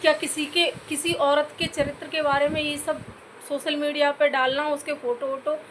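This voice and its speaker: With a high, fairly bright voice and a flat delivery at normal speed, a woman vlogger from Uttar Pradesh rants straight to the camera on YouTube. Scolding and earnest, she repeatedly says "bhai" to her audience and begs them to comment, over slight background noise.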